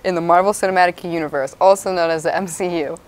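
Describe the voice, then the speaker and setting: Lower-pitched young woman anchoring a student newscast. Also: fairly even intonation, quick pace. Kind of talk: scripted mock newscast reading.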